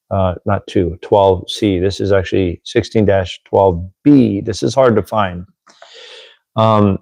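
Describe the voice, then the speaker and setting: A man's voice: lowish voice, gravelly, a little mellow, dry recording, poor audio. A man hosting a casual livestream, chatty and self-deprecating, sorting out his microphone and then reading from a military handbook. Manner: chatty and self-deprecating, fiddling with audio gear. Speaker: host, former Marine Corps religious lay leader. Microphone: desk microphone with gain control. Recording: dry, close, slightly clipping mic.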